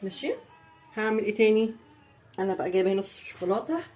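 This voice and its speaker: A woman's voice: medium pitch, animated, rapid-fire, darkish tone, faint music behind. A woman with an Egyptian accent chatting to viewers as she decorates a birthday cake in her home kitchen. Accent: Egyptian Arabic. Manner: chatty, talks viewers through each step. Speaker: home baking vlogger. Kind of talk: casual cake-decorating tutorial.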